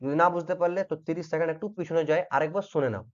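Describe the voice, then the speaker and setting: A man's voice: fairly high pitch, racing, a little mellow. Patient male tutor, dull lo-fi sound. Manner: patient, repeats points and checks understanding. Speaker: exam-prep English teacher. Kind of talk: explaining grammar in an online lesson.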